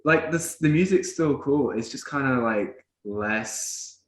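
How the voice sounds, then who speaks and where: A man's voice: medium pitch, expressive, takes it slowly. A man from New Zealand with a New Zealand accent, chatting casually as a band member in an interview and often trailing off. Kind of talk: casual chat. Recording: roomy echo.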